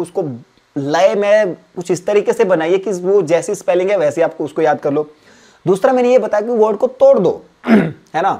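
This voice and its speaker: A man teaching an English spelling lesson. He mixes Hindi and English, repeats words and spells them out letter by letter, and often clears his throat. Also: high voice, warm tone. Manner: switches between Hindi and English mid-sentence. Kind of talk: exam-prep spelling lesson.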